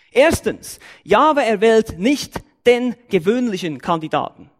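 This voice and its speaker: A man who is a church elder, giving an emphatic Bible-teaching sermon and numbering and repeating his points. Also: high voice.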